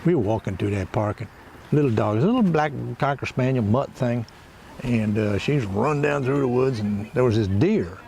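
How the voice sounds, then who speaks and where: A man playing a gravelly backwoods rambler. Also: mid-range voice, animated, moderate pace, a little mellow, a little hiss or hum, close to an everyday voice. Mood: rambling. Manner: meandering, folksy, chuckling to himself. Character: rambling rustic backwoods man, folksy and cranky. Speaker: comedy monologue host. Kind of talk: rambling comic monologue. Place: outdoors by water.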